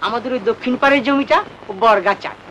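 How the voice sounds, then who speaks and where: A man's voice: extremely high pitch, fast talker, fairly bright tone, slight background noise, low-quality recording. An actor playing a fussy older brother who coaxes and scolds his sibling in an old Bengali film. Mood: coaxing. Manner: scolding, coaxing.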